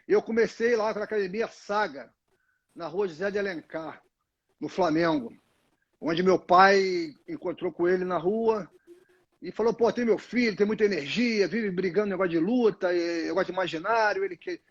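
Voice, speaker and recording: An older man from Brazil speaks at normal speed in a high-pitched, husky voice. As the guest on a casual live interview, this retired fighter rambles through long stories packed with restarts and "né?" tags, talking into a phone on a tripod with dull lo-fi audio.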